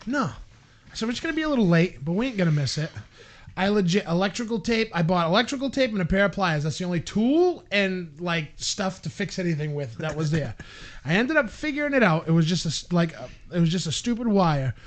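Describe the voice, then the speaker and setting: A man telling a story on a podcast, acting out quotes and shouting at the big moments. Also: high voice. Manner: animated storyteller, acts out quotes, shouts at peaks. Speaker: podcast co-host. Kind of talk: casual storytelling chat.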